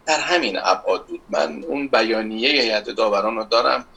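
A man's voice: medium pitch, vocal fry, sharp tone, husky, low-quality recording. A middle-aged architect from Iran answering interview questions, emphatic and insistent as he dismisses rumors. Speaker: architect guest, competition organizer.

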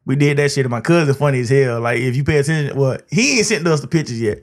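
A man's voice: medium pitch, fast. A man chatting casually as a podcast host, telling anecdotes in profane, slangy language.

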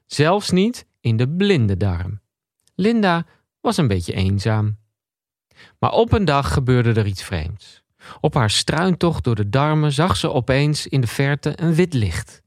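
A man reading a comic story he wrote himself, in a deliberate storybook narration. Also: medium pitch, no room sound, studio quality. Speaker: comedian reading his own story.

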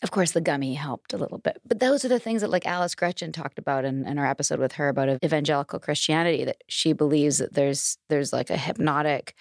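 A woman's voice: deep voice, quick pace, vocal fry, few pauses, dry recording, clean studio sound. A woman in her thirties co-hosting a podcast in casual chat, laughing often and digressing. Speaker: podcast co-host.

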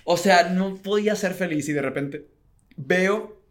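A man's voice: high voice, unhurried, slight background noise. A man telling his business story in a casual interview, acting out quotes and laughing often. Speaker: guest entrepreneur.

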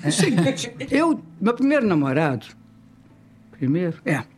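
Uma mulher de oitenta e poucos anos com sotaque mineiro, contando casos de forma animada e imitando as vozes das pessoas. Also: female voice, fairly low pitch, normal speed. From Ubá, Minas Gerais, Brazil. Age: 80s. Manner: lively, laughing, acts out quoted voices. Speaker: interviewed singer, twin sister. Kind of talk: casual storytelling.

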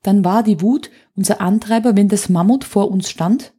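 A woman's voice: medium pitch, normal speed, warm tone, slightly rough. A woman, an anger coach talking in an interview, explaining emphatically with vivid examples. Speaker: anger coach, podcast guest. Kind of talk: conversational interview.

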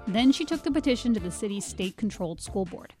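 A woman's voice: medium pitch, animated, fast, darkish tone, faint music behind. Woman narrating a radio news feature. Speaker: radio reporter. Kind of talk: scripted narration.

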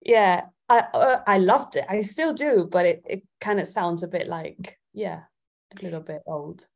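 A singer-songwriter from Italy talks as an interview guest in a lowish, gravelly voice, speaking a little slowly. The chat is casual and slightly giggly, and she searches her way through her phrases.

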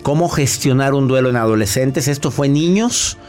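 A man's voice: medium pitch, normal speed, darkish tone, faint music behind. A man hosting an interview podcast, prompting and finishing his guest's thoughts. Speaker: podcast host.

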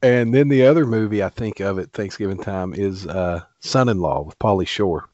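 A man's voice: low voice, moderate pace, a little mellow, dry recording, muffled recording. A man co-hosting a podcast, chatting casually and telling joking stories. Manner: joking, storytelling. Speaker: podcast co-host. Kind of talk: casual chat.

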